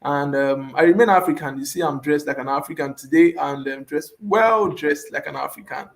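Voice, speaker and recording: Over a video call, a man serving as a youth leader speaks on an online panel, earnest and enthusiastic, pausing frequently. His voice is fairly high-pitched and gravelly.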